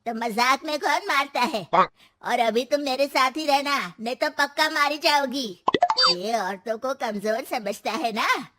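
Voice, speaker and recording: A woman playing a bossy, fearless elderly mother-in-law in an animated story, sassy and scolding. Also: high voice, measured pace. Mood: defiant. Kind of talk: Hindi animated story dialogue.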